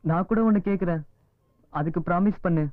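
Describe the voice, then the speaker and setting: A man's voice: high-pitched, brisk, no echo, natural voice. Actor playing a lovesick pleading young man. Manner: pleading, desperate. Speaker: film character. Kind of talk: Tamil film drama acting. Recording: tinny lo-fi film audio with music.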